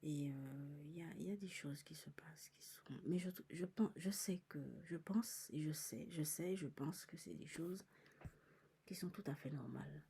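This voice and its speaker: A woman talking to her viewers in a soft, whispered voice, halting and repeating herself as she searches for words. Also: deep voice, breathy edge. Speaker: spiritual video host. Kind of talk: whispered evening talk to viewers.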